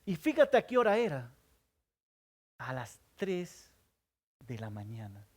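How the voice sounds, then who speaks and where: A man, preaching a sermon to a congregation. He keeps asking the listeners questions and answering them himself, and he moves between loud emphasis and hushed low asides. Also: huge pitch swings, slow. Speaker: pastor.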